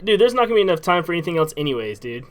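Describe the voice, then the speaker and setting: A man co-hosts a casual podcast in a laid-back way, throwing in dude and bro as he talks. His voice sits a little high for a man. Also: sing-song, rapid-fire, a bit bright. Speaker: podcast co-host.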